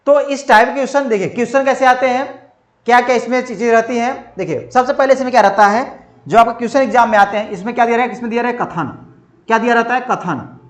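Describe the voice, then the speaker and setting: A man's voice: very high voice, fast. A man teaching reasoning for competitive exams, asking questions and answering them himself, over and over for emphasis. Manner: drills by asking and answering his own questions; repetitive, emphatic. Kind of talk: exam-prep lecture. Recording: echoey room.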